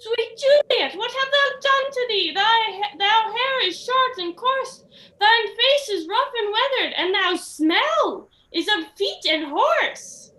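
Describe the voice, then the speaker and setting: A pompous, melodramatic young Romeo acted by a young woman declaims in mock-Shakespearean style. The voice is extremely high and piercingly bright. It rings in an echoey stage space, full of lovesick, easily wounded grandeur. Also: animated, slow pace, heavily acted. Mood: dismayed. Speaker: student actor in a stage play. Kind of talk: live stage comedy acting in mock-Shakespearean English.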